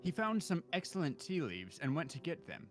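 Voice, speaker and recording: A man voicing a gentle, easygoing young man in a visual novel, with relaxed, slightly halting delivery. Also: on the high side, faint music behind. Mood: explaining. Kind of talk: reading a visual novel aloud.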